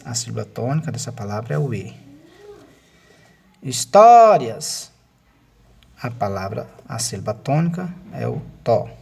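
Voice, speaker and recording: Patient male teacher, husky voice. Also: medium pitch, a little mellow. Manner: patient, repetitive explaining with frequent checks like "né?" and "tá bom?". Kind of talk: classroom lesson, correcting exercises.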